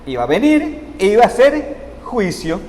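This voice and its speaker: High-voiced pastor preaching in a hall. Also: male voice, sing-song, warm tone. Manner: asks the congregation questions and answers them; slows down to stress key words. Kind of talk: sermon. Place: church sanctuary. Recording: long reverb in a church hall, faint noise.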